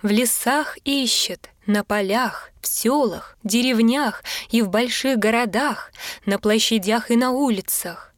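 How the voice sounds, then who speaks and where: Give me a woman reading a fairy tale aloud in a measured storytelling manner. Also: on the high side, no echo, studio quality.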